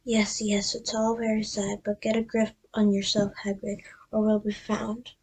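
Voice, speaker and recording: McGonagall, a brisk strict witch, read by a woman. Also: sits high, fairly even intonation, mellow, husky. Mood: stern. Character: strict older female witch professor, brisk.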